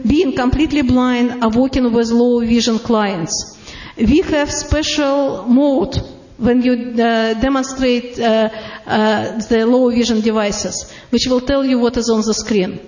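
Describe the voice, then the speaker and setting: A woman with a heavy Russian accent presenting devices to an audience, halting with many fillers and quick to laugh. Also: high-pitched, a little mellow. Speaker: product presenter. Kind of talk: live product demonstration to an audience. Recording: roomy, dull lo-fi room recording.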